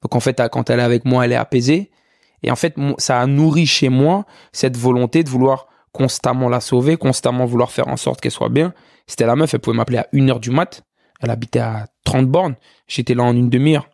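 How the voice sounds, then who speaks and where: Gravelly-voiced young French man. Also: mid-range voice, fairly quick, dry recording, clean studio sound. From France. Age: 20s. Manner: relaxed, many restarts and "tu vois". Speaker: podcast guest. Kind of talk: casual conversation.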